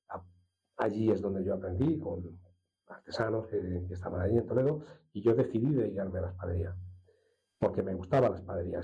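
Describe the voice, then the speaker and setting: A man from La Mancha speaks as an interview guest, explaining his craft at an easy pace and pausing to restart his sentences. His voice is mellow and fairly low. The recording sounds dull and lo-fi. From La Mancha, Spain. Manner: unhurried, explanatory, with hesitations and restarts. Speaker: master swordsmith guest. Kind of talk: conversational interview.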